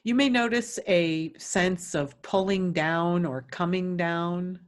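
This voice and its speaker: A woman leads a meditation in a fairly low voice with fairly even intonation. She speaks very slowly, letting long silences fall between phrases, and instructs gently and soothingly like a teacher.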